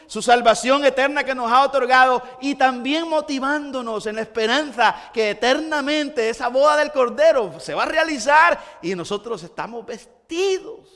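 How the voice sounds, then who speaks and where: A man preaching a sermon as pastor, moving between hushed storytelling and rising emphatic passages. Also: very high-pitched, big-room sound. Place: church sanctuary.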